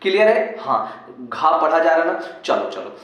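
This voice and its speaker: A man teaching English pronunciation rules in a lesson, repeating each rule slowly and asking often whether the class understands. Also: on the high side, sing-song, a bit bright, lo-fi sound. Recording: very echoey room.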